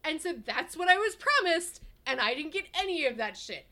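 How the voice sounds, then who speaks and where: High, animated woman ranting casually. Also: normal speed. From Virginia, US. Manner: profane, ranting, sarcastic. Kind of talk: casual chat.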